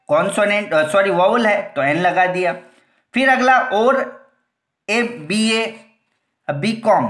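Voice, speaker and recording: A woman teacher explains a grammar lesson at a medium pitch, slowly and patiently. She repeats each point and asks herself questions before answering them. Her voice rings in an echoey room. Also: a bit bright.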